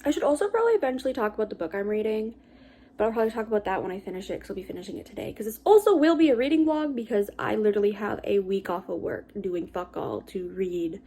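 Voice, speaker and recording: A woman's voice: mid-range voice, expressive, fast, dark tone. A young adult woman giving a casual vlog update in an informal, rambling and hesitant way. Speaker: vlogger.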